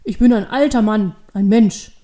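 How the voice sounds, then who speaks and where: A woman reading a storybook aloud, voicing a kind and patient old man who talks gently and fondly. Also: mid-range voice, moderate pace, natural voice. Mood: gentle. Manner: gentle, calm, fond.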